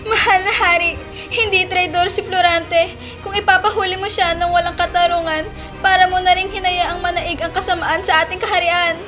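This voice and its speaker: A woman's voice: very high-pitched, steady tone, normal speed, over music, crowd noise. A woman playing a devoted, pleading mother in an earnest old radio drama style. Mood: imploring. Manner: earnest, imploring.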